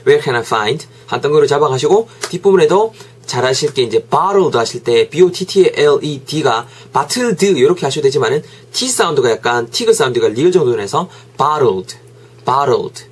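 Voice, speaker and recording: A man's voice: fairly high pitch, animated, normal speed, few pauses, breathy edge. A man teaching a casual lecture with a Gyeongsang accent. He talks in a jokey, chatty way and drills pronunciation by repeating words. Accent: Gyeongsang Korean. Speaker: English teacher. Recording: podcast lecture audio.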